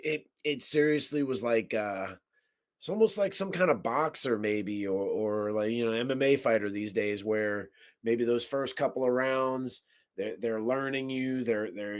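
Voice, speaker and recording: Rambling man breaking down a game. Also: mid-range voice. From Washington DC area. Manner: thoughtful, rambling, restarts often. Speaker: podcast co-host. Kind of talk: casual sports chat.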